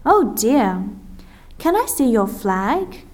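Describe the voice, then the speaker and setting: Aussie woman, slightly high voice, slow clear lesson talk. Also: very animated, darkish tone. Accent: Australian. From Australia. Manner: slow, carefully articulated, as if for learners. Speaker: lesson presenter. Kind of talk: scripted language-lesson dialogue.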